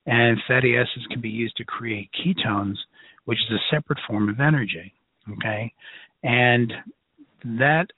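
A man's voice: medium pitch, breathy edge, dry recording. A man with a Brooklyn accent giving an informal, emphatic lecture to a class in a conversational, folksy way. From Brooklyn, New York. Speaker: lecturer, health educator. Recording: narrow phone-like line.

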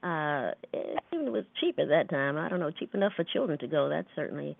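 Older lady singer remembering her childhood, lowish voice, tinny phone line. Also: big pitch swings, fairly quick, gravelly, no echo. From United States. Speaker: guest, singer. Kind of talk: casual interview answers. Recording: narrow phone-line radio sound.

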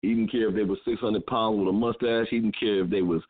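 A man's voice: on the low side, quick pace. Man telling a story over a phone line. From California. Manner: animated storyteller who acts out friends' lines. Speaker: guest. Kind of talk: casual storytelling. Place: calling in to an internet radio show.

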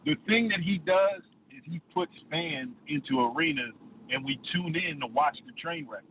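A man's voice: fairly high pitch, moderate pace. A man co-hosting a podcast, chatting about sports in a laid-back, drawling way. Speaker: podcast co-host. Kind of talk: casual sports debate. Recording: phone-like line with faint noise.

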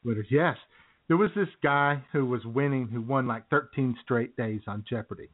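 Heard through thin phone-line sound, a middle-aged man banters casually as co-host of a radio comedy show. He tells meandering stories and chuckles along the way, speaking at a moderate pace in a mid-range voice.

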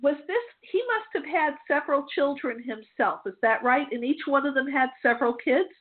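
A woman's voice: sits high, animated, moderate pace. A woman hosting a call-in psychic show, chatty and reassuring, laughing easily as she passes on messages. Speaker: psychic medium host. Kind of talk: call-in radio reading. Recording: tinny phone-line sound.

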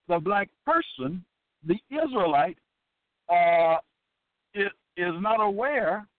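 Man, fairly high voice, unhurried Bible teaching, emphatic repetition, tinny phone-like audio. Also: no echo. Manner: emphatic, repeats key phrases; drags out scripture quotes slowly. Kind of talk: scripture teaching monologue. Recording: dry, tinny phone-like sound.

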